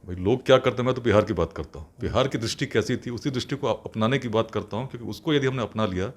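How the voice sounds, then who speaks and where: A man's voice: on the low side, quick pace. A man from Bihar, a police officer, answering interview questions in an earnest, formal, speechlike way. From India, Bihar.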